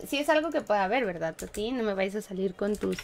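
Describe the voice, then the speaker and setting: A woman's voice: medium pitch, animated, quick pace, vocal fry, a little hiss or hum. A Mexican woman streamer chatting casually with her live viewers in a playful, chatty way, laughing often and humming little tunes. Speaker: game streamer.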